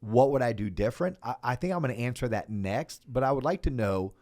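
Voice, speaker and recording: A man's voice: medium pitch, expressive, fairly quick, a little mellow. A man hosting a casual podcast, talking confidently and often repeating a word as he starts a thought. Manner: confident, stumbles and repeats words. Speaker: podcast host.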